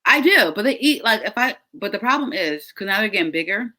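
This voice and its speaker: A woman in her thirties hosting a casual chat, telling stories in an animated way and laughing often. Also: medium pitch, fairly quick. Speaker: host.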